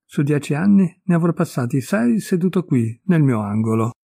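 A man voicing a listless, resigned idler of thirty-three who looks old, speaking in a flat, unhurried way. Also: on the high side, vocal fry, slightly rough, no echo, clean studio sound, heavily acted.

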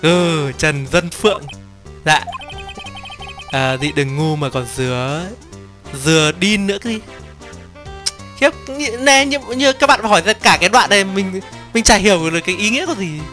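Excitable man streaming a game over music. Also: high voice, moderate pace. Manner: reads each character's lines in playful voices and comments between them; excitable, breaks into swearing and laughter. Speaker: gameplay streamer. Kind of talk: casual let's play, reading game dialogue aloud.

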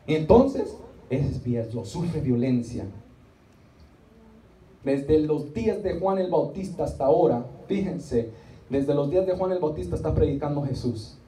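In a small church meeting room, a middle-aged man preaches in Spanish with a warm, lively, somewhat high voice, leaning on repetition and acted asides. He speaks emphatically, drawing out important words and leaving gaps for the congregation's replies. Recorded from the audience seats off his handheld mic, the audio is roomy, distant and faintly noisy.

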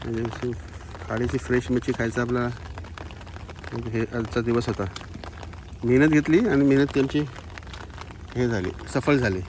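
A man's voice: mid-range voice, fairly even intonation, moderate pace, pauses often. A man with a Marathi accent chatting to his viewers in a casual vlog by a creek. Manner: chatty, addresses viewers as friends. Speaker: vlogger. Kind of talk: casual outdoor vlog commentary. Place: outdoors by a tidal creek. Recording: outdoor recording with clear background noise.

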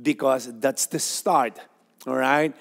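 A Filipino-accented pastor in his fifties giving an animated, emphatic devotional talk, seated on a sofa with a clip-on mic. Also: mid-range voice, takes it slowly, creaky, long reverb tail. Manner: animated, code-switching, emphatic. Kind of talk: devotional teaching. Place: studio set styled as a living room, on a sofa.

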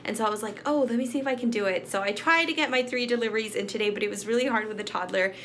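Talking rapid-fire in a fairly high, bright voice, a mom in her thirties records a casual daily vlog on a phone held at arm's length, moving between home and car. She rambles, using fillers and little laughs, and there's a faint hiss or hum.

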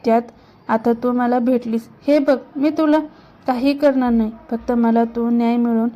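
A woman's voice: fairly high pitch, steady tone, moderate pace, natural voice. A woman voicing the ghost of a murdered young college girl who pleads to be avenged, speaking in a mournful, pleading way. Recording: dull lo-fi recording.

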